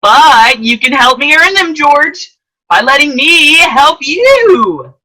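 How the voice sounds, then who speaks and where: Actor doing a chirpy eager guardian angel in a radio play, really bright, swoops all over. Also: sits high, full character voice, low-quality recording. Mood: earnest. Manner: animated, emphatic, deliberate. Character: Clarence, earnest chirpy second-class guardian angel, eager to help. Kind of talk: old-time radio play acting with narration to listeners.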